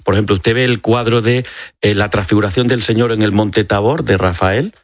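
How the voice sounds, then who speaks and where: A man from Extremadura speaks with a low voice as a guest on a radio interview, explaining medical details with frequent fillers and restarts. He is an eye doctor, and the studio recording is dry and close. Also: a little fast, no room sound. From Extremadura, Spain. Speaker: ophthalmologist guest. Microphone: studio microphone.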